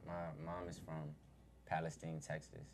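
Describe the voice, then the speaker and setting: A man's voice: very deep voice, monotone, moderate pace, a little hiss or hum. A man from DC, a guest artist talking easily and appreciatively on a radio show. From Washington DC. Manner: easygoing, laid-back, appreciative. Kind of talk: casual studio chat.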